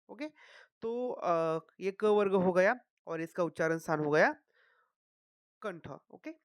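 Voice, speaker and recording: A teacher talks through a lesson in a mid-pitched, even voice. Each sound is repeated slowly, with frequent checks that the listener is following. The recording is dry and close, with no room echo. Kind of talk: explanatory lesson.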